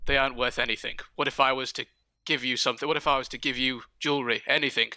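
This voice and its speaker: A man's voice: mid-range voice, fairly even intonation, fast, bright, forceful tone, dry recording. A man improvising a small, polite male garden bird that turns jealous and scheming, in a genteel, chummy manner. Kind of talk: improv comedy scene.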